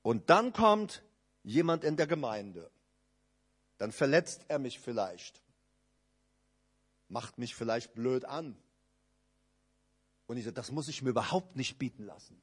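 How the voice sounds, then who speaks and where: A man preaching a sermon, emphatic, swinging between loud rising outbursts and low quiet asides, and acting out quoted speakers in short dialogue bits. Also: animated, a little slow, long pauses, breathy edge.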